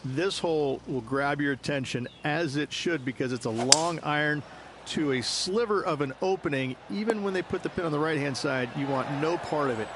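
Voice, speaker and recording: A man's voice: on the high side, moderate pace, background noise, natural voice. A man playing a plain-spoken, knowledgeable golf commentator, giving folksy, matter-of-fact course analysis for a video game.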